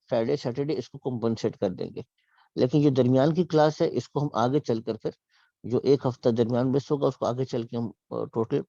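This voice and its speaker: A man with a Pakistani Urdu accent, teaching an online Arabic class. He reads Arabic phrases slowly and drawn out, then explains them briskly. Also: mid-range voice, creaky, warm tone, dry recording. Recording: dull, dry lo-fi sound.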